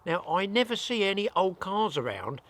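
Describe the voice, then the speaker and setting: Older British host, chatty and self-mocking, voice sitting a bit high, easygoing outdoor vlog talk. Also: male voice, big pitch swings, normal speed, fairly bright tone. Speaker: channel host. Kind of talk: casual outdoor chat. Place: off-grid forest cabin.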